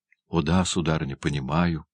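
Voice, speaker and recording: A man's voice: rumbling low, steady tone, moderate pace, breathy edge, no echo. A man voicing a grateful, earnest young orphan boy who speaks with eager feeling. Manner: eager, heartfelt.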